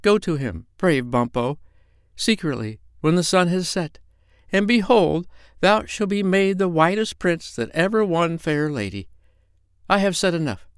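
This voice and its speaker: A man's voice: on the high side, lively intonation, unhurried, clear, resonant tone, no echo, pitched above the performer's own voice. A man voicing a clever, scheming female parrot who whispers urgently and puts on a lofty fairy-queen voice. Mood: grand fairy voice. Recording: dry close recording.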